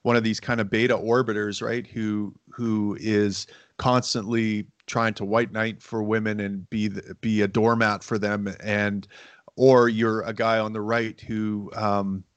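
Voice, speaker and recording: A middle-aged man hosts a casual podcast chat in a low, fairly flat voice. He rambles through his points with many fillers and restarts. The sound is dry and close. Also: measured pace, no echo. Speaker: podcast host.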